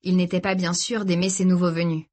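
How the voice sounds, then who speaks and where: A woman narrating a novel in a calm, measured reading voice. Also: on the low side. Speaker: audiobook narrator. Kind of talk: scripted narration.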